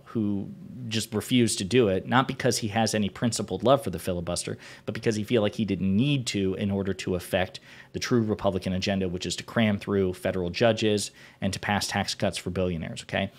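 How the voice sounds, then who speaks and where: Low-voiced man delivering opinionated political commentary. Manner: opinionated, deliberate, wordy with formal vocabulary. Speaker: political commentary show host.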